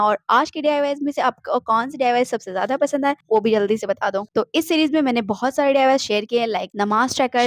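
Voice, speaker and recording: Young woman, quick and high-ish, dry close sound; chatty craft-tutorial voice-over host. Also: no room sound. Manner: chatty, mixes English words into Hindi. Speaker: DIY craft channel host. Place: home, traffic outside.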